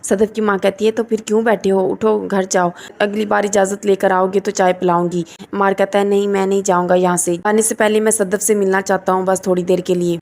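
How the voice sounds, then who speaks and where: A woman's voice: medium pitch, level tone, few pauses, darkish tone. A woman reviewer narrating a scripted recap of a drama episode, reading the characters' lines in her own voice.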